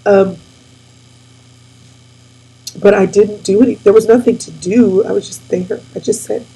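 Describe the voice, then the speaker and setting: Woman host, forties, husky gravelly voice, tearful and close to crying, direct to viewers, faint hum. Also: medium pitch, fairly even intonation, measured pace, mellow, poor audio. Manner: tearful, addresses audience as y'all. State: weepy, near tears. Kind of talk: casual heartfelt talk to viewers.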